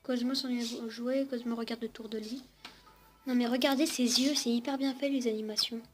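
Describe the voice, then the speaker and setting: A woman's voice: a little high, steady tone, brisk. A young woman casually showing off a toy robot at home, chatting with it and with her viewers. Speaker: vlogger demonstrating a toy robot. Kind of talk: casual unboxing-style demo. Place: at home with a cat on her lap. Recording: noisy home recording.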